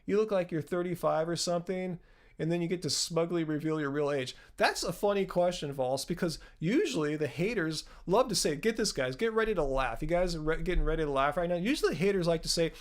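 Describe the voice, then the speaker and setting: Chatty man in his fifties, fairly high. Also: fairly quick. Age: 50s. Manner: chatty, rambling, self-correcting, laughs at own jokes. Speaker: channel host answering live chat. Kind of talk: casual live-stream Q&A.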